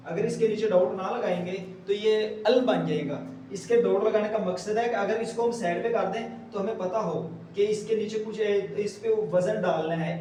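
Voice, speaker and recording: A man with a high voice walks through a shorthand lesson, patiently repeating each word slowly as he writes. The sound is roomy and echoey, picked up from some distance with a faint hiss underneath. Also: a little mellow. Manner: patient, repeats words slowly while writing. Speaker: shorthand teacher. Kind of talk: step-by-step tutorial explanation.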